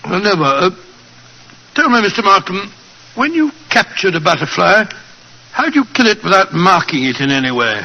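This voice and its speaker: Doctor Watson, high-voiced fussy British gentleman. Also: big pitch swings, normal speed, creaky, exaggerated voice. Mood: curious, apologetic. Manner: fussy, repeats words, polite hemming. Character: courteous, affable English doctor, a bumbling gentleman. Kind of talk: 1940s radio acting. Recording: muffled old radio recording with reverb.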